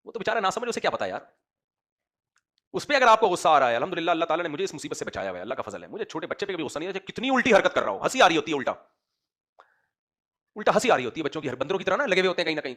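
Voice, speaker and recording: A man's voice: on the high side, a bit bright. A man giving a sermon as an Islamic preacher, speaking with a rhetorical manner and often addressing his listeners directly.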